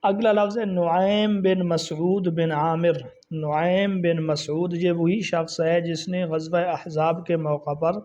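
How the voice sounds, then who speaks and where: Slow, deliberate male pronunciation teacher. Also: on the high side, a little mellow, dull audio. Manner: slow, deliberate spelling out of words. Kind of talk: pronunciation lesson.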